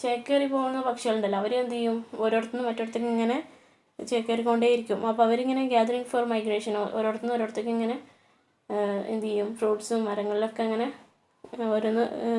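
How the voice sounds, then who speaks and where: A woman teacher lecturing on a poem, slowing to a deliberate pace on the English lines and pausing on fillers as she explains. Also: fairly high pitch, little pitch movement, warm tone. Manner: switches to slow, deliberate reading for English lines; hesitant, with many fillers. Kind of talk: poetry lecture.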